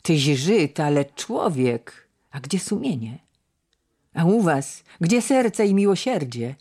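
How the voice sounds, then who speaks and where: A man's voice: on the high side, big pitch swings, slow pace, a little mellow, exaggerated voice. A man voicing a stern, curt old nobleman who scolds a crowd in a storybook reading.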